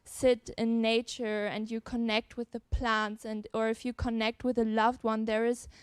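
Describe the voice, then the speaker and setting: A young woman from Switzerland, a panelist, giving an earnest, reflective personal statement with soft hesitations. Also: fairly high pitch, level tone, normal speed, clean tone, no echo. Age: young adult.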